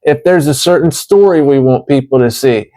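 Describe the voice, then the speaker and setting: A man with a slight lisp, as if wearing a retainer, delivering an earnest, emphatic advocacy monologue in deliberate phrases. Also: mid-range voice, warm tone, rough recording. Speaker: chronic pain patient advocate.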